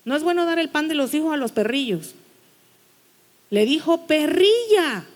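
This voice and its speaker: With a high, expressive voice at a normal pace, a woman pastor preaches a blunt, no-nonsense sermon. She presses her listeners with rhetorical questions while the long reverb of the church sanctuary carries her words.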